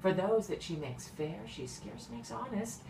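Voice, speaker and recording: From a roomy distance comes a spirited, mocking young noblewoman in classical comedy. The voice is lowish and swings playfully. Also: sing-song, unhurried, gravelly, dark tone, full character voice. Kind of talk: classical stage acting of Shakespearean comedy. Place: stage in a theatre. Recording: roomy, distant, faintly noisy stage recording.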